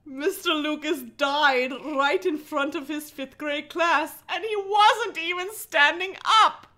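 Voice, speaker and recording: A woman with a high-sitting voice hosts a livestream, cold-reading aloud at a slow pace. She's animated, sarcastic, and giggly, tossing in mocking asides and casual swearing.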